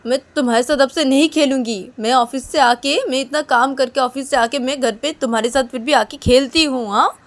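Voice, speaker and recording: A woman voicing an irritated young mother who scolds in a raised, petulant voice, much higher than her own narrating voice. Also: brisk, few pauses, close to an everyday voice. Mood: sulky scolding.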